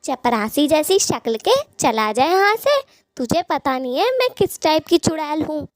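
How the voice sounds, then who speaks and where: A rude, cackling cartoon witch who loves mangoes, voiced by a woman. Her high voice leaps all over the place as she mocks and insults. The sound is dry and close. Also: very animated, a little slow, dry recording. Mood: taunting. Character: rude mocking female mango-loving witch ghost.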